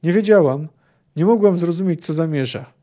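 Traumatized young woman, read by a man, hollow flat book quote, mellow tone. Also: a little high, normal speed, close to an everyday voice.

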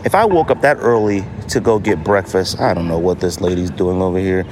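An American podcast host delivers a casual solo monologue, repeating phrases for emphasis, in a low-pitched, brisk voice. He's recorded amid noisy outdoor city street ambience, with traffic, street noise and banging.

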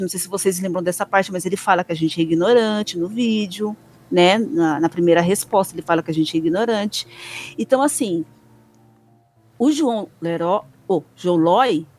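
A woman's voice: mid-range voice, a little mellow. A woman with a Brazilian Portuguese accent hosting a casual podcast chat, talking in an indignant, emphatic way with many restarts.

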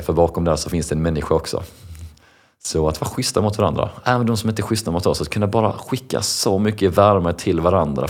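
A lecturer and public speaker with a very deep, slightly mellow voice gives earnest, conversational interview answers. He tells stories and acts out the voices of people he quotes.

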